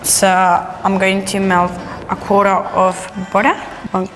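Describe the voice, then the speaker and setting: Speaking at a measured pace with a medium pitch and totally flat delivery, this woman from Bogota, Colombia, is a native Spanish speaker with a Colombian accent. As a guest and home cook, she chats casually about her life and cooking, her voice echoing in a large room over faint background music.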